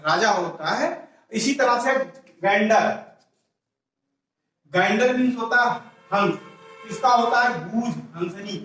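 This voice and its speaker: Guy teaching grammar, pretty high voice, keeps repeating stuff and quizzing the class, sounds far off in a big echoey room. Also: a bit bright. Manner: explaining step by step, repeating words and asking rhetorical questions. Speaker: English teacher.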